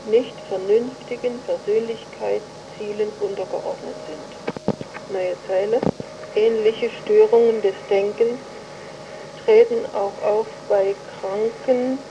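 A woman slowly dictating an academic text, in a measured way and reading punctuation marks aloud. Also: mid-range voice, dark tone, a little hiss or hum. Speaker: dictation reader. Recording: muffled lo-fi recording.

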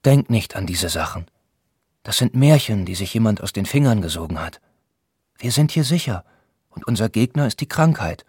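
A man's voice: on the low side, lively intonation, moderate pace, a little mellow, husky, dry recording, clean studio sound. A man reading the part of a tired, skeptical young male student who tries to reason and reassure. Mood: reassuring.

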